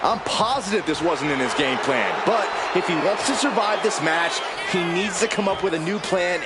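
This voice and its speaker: A man working as a wrestling commentator with a dramatic, animated delivery. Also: high-pitched, moderate pace. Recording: very loud crowd and arena noise.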